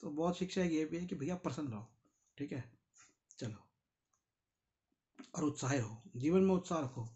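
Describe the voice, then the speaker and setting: A man's voice: a little high, moderate pace, long pauses, a little mellow. A tired man, reading a Buddhist book and explaining it in a conversational way, speaking directly to his listeners. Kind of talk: casual spoken commentary on a read text.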